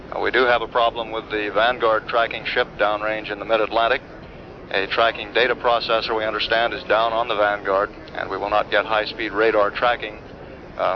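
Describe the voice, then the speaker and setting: Man, mission control briefing, radio transmission, low flat voice, muffled archival sound with faint hiss. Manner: calm, matter-of-fact reporting. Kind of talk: live status briefing.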